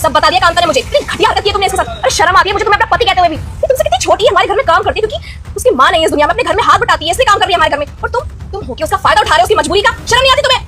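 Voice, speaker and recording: A woman playing a wealthy wife who scolds her husband forcefully in an acted family drama. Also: very high-pitched, lively intonation, very fast, slight background noise, full character voice. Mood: furious. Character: wealthy wife confronting cheating husband, fierce.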